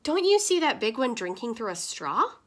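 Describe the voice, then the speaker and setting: A woman's voice: on the high side, sing-song, normal speed, a bit bright. A woman voicing a wise, upbeat grandmother who answers a boy's questions with folksy reassurance. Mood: cheerful.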